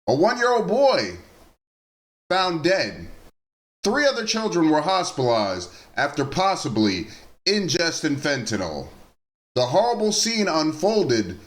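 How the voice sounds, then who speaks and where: A man's voice: a little high, a bit bright. A man who hosts a news commentary vlog, reading reports aloud and breaking off into blunt, informal asides to viewers he calls his nieces and nephews. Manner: reads the reports, then adds blunt personal asides.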